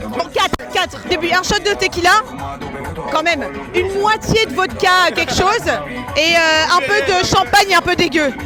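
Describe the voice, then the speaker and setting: A woman's voice: very high voice, measured pace. A tipsy woman in her twenties, vlogging casually to camera in a chatty, slangy, self-mocking way. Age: 20s. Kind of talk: casual vlog chat to camera. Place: outdoor party boat. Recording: loud party music and crowd noise.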